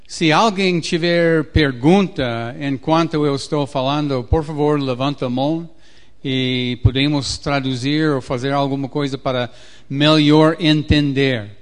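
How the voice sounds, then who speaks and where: An American man, a native English speaker with an American accent, gives a public lecture as an economist in halting, non-native phrasing. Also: a little high, steady tone. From United States. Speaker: agricultural economist, guest speaker.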